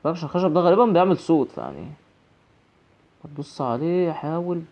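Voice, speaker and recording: A young man with an Egyptian Arabic accent talks through a horror game, jumpy and rambling in frightened bursts. His voice sits a touch high. The audio is dull and lo-fi. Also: expressive, quick pace. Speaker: gaming channel host.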